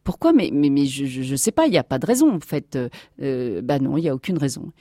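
A woman voicing an excitable middle-aged male space captain who stammers and exclaims in a breathless rush. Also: mid-range voice, measured pace, no echo, clean studio sound, voice pushed up. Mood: flustered.

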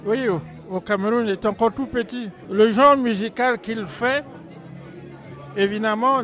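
A man speaks in a measured, explanatory way in a documentary interview as a longtime friend of the musician. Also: high-pitched.

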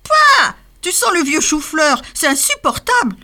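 A woman's voice: high voice, sing-song, moderate pace, pushed and bright, voice pushed up, exaggerated voice. A woman voicing a grumpy whiny reindeer. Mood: disgusted. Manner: whiny, exclamatory. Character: grumpy complaining male reindeer.

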